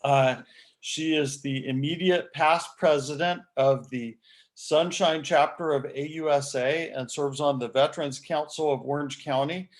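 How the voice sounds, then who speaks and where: A man moderates a virtual conference and politely introduces the next speaker. His voice sits a little high for a man, and he restarts his phrases now and then. He is speaking over a video call. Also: fairly even intonation, unhurried. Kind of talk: formal introductions.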